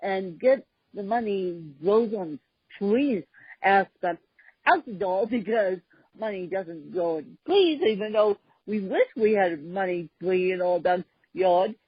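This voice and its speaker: In a relaxed conversational podcast, the woman hosting speaks at a very slow pace with a husky voice of medium pitch. She hesitates often, filling the gaps with "um" as she goes. There's no echo, and the audio comes across dry and slightly dull.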